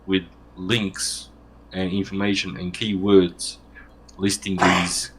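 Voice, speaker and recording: A man with a fairly low voice talks as a guest in a relaxed online interview. He rambles, restarts his sentences and drops in dry jokes. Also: takes it slowly, slight background noise. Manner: rambling, joking, self-correcting. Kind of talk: casual interview chat.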